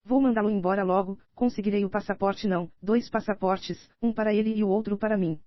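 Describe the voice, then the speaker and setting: A woman's voice: medium pitch, fairly even intonation, brisk, no echo, lightly acted. A Brazilian woman voicing a scheming older nobleman in an audiobook, read steadily in her own voice, slightly dull and dry. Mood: pleading, insistent. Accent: Brazilian Portuguese.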